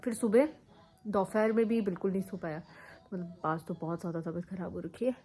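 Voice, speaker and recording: A young woman chatting casually in a home vlog, a mother talking softly about her sick child and cooing at him in a higher voice, recorded on a phone in a bedroom. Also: steady tone, a little fast, slightly rough. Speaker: vlogger and mother.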